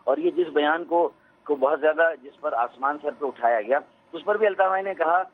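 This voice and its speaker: Insistent man on a tinny phone line. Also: on the high side. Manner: insistent, talks over the host. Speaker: politician guest on phone line. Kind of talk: political debate on a phone line.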